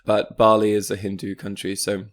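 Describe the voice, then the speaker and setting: A man who grew up in France, a guest on a podcast who talks casually and chattily, with fillers and quick tangents. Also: on the low side, completely flat delivery. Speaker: guest, spiritual coach.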